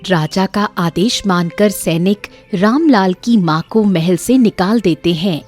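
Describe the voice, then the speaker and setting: A woman giving scripted storybook narration for an animated moral tale, in a steady, even storytelling manner. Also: medium pitch, measured pace, soft background music.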